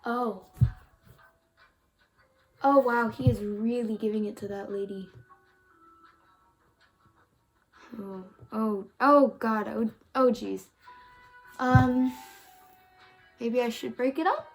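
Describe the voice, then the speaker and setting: A bubbly young cashier, played by a woman, chats with shoppers in a high, light voice that takes its time. She stumbles and restarts nervously, keeping things friendly. Soft music plays faintly underneath. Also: slow, pauses often, poor audio. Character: chatty, awkward young female store cashier. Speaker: student actor. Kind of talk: stage monologue.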